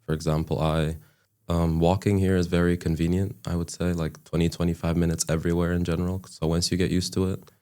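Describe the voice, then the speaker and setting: A young man from Turkey, a student guest, chats casually but hesitantly, restarting often and using many fillers. His voice sits low with little pitch movement and a slightly mellow quality. He talks fairly quickly.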